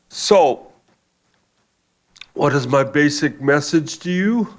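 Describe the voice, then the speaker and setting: A man's voice: a little high, expressive, drawn-out words. A man giving public comment at a hearing in a folksy manner, drawing out and stressing his words.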